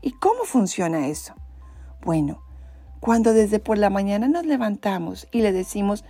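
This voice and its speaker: A woman with a Latin American Spanish accent talks to children in the manner of a kids show host. Her voice is mid-pitched and mellow, with soft music behind it. She tells and explains a Bible story simply and expressively, turning to her young listeners with questions. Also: big pitch swings, moderate pace. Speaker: children's religious teacher and presenter.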